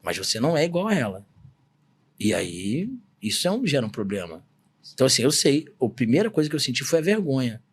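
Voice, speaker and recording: A man's voice: medium pitch, big pitch swings, fairly quick, slightly rough. A man in his forties from Brazil, a samba singer telling a personal story in a podcast interview, earnest and emphatic. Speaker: guest, samba singer-songwriter.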